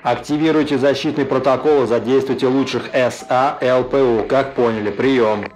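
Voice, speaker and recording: A man's voice: mid-range voice, fairly even intonation, normal speed, a little mellow, faint music behind, rough recording. An actor playing a stern male headquarters officer speaking in clipped turns over a police-style radio link. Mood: terse. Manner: clipped, ends each turn with "over". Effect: police-style radio transmission. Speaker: radio caller in an audio drama.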